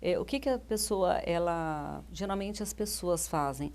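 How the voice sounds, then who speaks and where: A woman's voice: fairly low pitch, measured pace, a little mellow. A woman with a Brazilian Portuguese accent, a life coach answering interview questions, telling stories and quoting her clients. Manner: anecdotal, quotes clients' words, many restarts.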